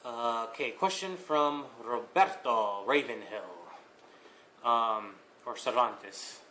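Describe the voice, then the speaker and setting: A young man answering viewer questions in a casual vlog, hesitant, with many fillers, pauses and small laughs. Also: mid-range voice, sharp tone, a little hiss or hum.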